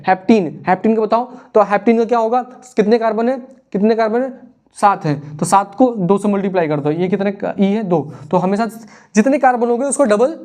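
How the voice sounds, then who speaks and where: A man's voice: high-pitched, a little mellow. A young man teaching a casual exam revision lesson, chatty, playing out imagined student questions and answers himself.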